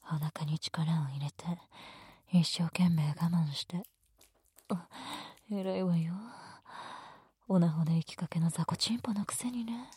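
A woman voicing a teasing, domineering female teacher in a whispered roleplay, speaking in a soft, breathy, bossy way. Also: on the low side, unhurried, long pauses, no room sound. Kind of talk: erotic ASMR roleplay.

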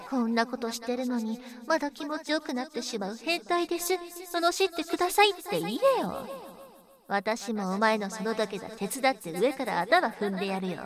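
A scornful, domineering woman, played by a young woman in an adult audio role-play, with a somewhat high voice. She talks rough and coarse, mocking and belittling without letting up. A murmuring crowd is heard behind her. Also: natural voice.

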